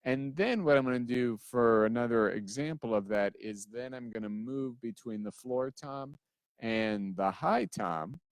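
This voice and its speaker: A man's voice: medium pitch, animated, measured pace, no echo. A man giving a casual drum lesson who counts in aloud and sometimes wanders off topic. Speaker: drum teacher. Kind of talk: casual instructional talk.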